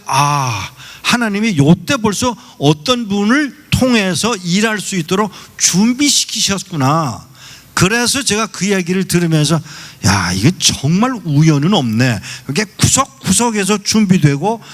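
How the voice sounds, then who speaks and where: A man's voice: high-pitched, a bit bright. A male pastor preaching a sermon, telling a story and acting out the dialogue in quoted voices. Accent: Seoul Korean. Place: church sanctuary.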